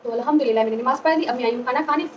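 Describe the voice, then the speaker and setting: A young woman vlogging at home in casual, fast, chatty talk. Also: fairly high pitch, distant mic, highs cut off. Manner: quick, chatty, talks fast by her own account. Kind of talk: casual vlog chat. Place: home kitchen with dishes about. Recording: home video with noisy background.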